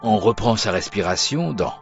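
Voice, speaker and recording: Male breathing coach, slow breath counting, lowish pitch, unhurried cues, muffled recording, music behind. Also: lively intonation, gravelly. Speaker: guided breathing instructor. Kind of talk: guided breathing session.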